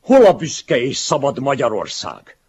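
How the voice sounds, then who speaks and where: A man voicing a proud, reserved and bitter young man who asks cold, reproachful questions in a hoarse voice, in a dull lo-fi recording. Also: mid-range voice, big pitch swings, a little mellow, pitched above the performer's own voice.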